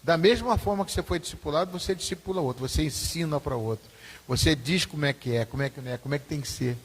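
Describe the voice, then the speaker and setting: Speaking fast in a husky voice on the high side, a pastor runs a casual, repetitive Sunday school lesson full of questions to the class. The church hall echoes, and there is slight background noise.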